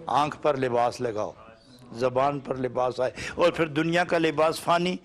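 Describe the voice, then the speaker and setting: A man from Pakistan preaching a sermon lesson, speaking in rhythmic lists of short repeated phrases and pressing his points with emphatic rising questions. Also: mid-range voice. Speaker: Sufi preacher.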